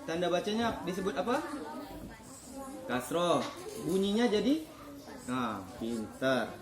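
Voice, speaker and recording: A man's voice: sits high, very animated, takes it slowly, crowd noise. A man teaching children to read the Quran in a classroom, patiently quizzing them and praising their answers. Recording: echoey classroom.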